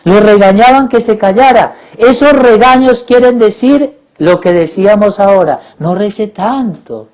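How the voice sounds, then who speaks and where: High-voiced fervent male priest preaching. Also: moderate pace, few pauses. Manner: fervent, repetitive preaching that swells to loud pleading cries. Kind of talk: sermon at Eucharistic adoration. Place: church.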